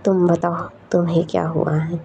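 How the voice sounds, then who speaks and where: A jealous, possessive young classmate, acted by a woman narrator accuses bitterly and repeats her words. Her voice is gravelly and mellow. It comes through a dull recording with faint hiss. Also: on the low side, flat delivery, moderate pace. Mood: angry.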